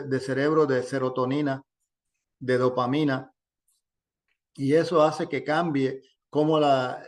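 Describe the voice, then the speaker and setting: A middle-aged man talks as a guest gynecologist, giving advice in a relaxed, educational way. He speaks slowly and deliberately, pausing often with fillers. His voice sits a little higher than most men's. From Puerto Rico. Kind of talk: casual educational talk.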